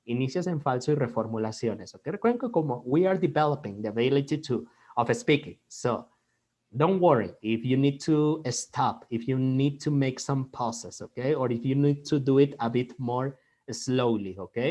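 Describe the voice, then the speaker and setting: A male English teacher with a Mexican accent goes through a grading rubric in an online class. He mixes Spanish and English and keeps checking in with "ok?" between short phrases. His pitch sits in a middling range for a man. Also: a little mellow. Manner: switches between Spanish and English, says "ok?" after nearly every phrase.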